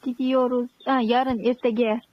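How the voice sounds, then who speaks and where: Woman, student, fairly high voice, little intonation, brief quiz answers, muffled online call. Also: level tone, a little slow. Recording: dull, echoey online call audio.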